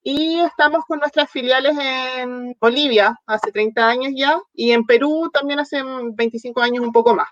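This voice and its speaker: Chilean lady vet chatting on a call, higher voice, lots of ehs, muffled dry sound. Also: moderate pace, few pauses, dry recording. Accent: Chilean Spanish. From southern Chile. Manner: friendly, explanatory, with frequent fillers. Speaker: veterinarian product manager guest. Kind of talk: online interview.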